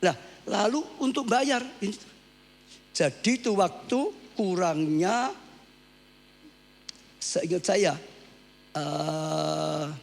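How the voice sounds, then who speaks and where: A man preaching a sermon in church with speech. He tells his story with animation, shouting at the high points and dropping to soft asides. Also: drawn-out words, gravelly, pauses often. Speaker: pastor. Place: church hall. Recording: hum from a live church stream with long hall reverb.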